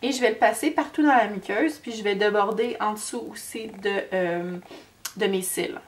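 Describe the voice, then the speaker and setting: A woman's voice: mid-range voice, normal speed. A woman with a Québécois French accent and a head cold, talking through a makeup tutorial in a chatty, hesitant way full of fillers and slips. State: has a cold. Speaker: beauty vlogger. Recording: distant mic with faint noise.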